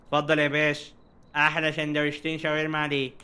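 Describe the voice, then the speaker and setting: A young man with an Egyptian Arabic accent giving jokey, animated commentary while playing a horror game and chatting to its characters. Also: a little high, rapid-fire, clean tone. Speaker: gaming streamer. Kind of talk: casual let's-play commentary.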